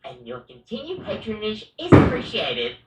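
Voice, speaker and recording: A woman's voice: medium pitch, wildly swooping pitch, normal speed, roomy sound, far from the mic, heavy background noise. A woman voicing a rambling, coffee-obsessed female coffee machine barista in a video game, often apologizing and correcting herself.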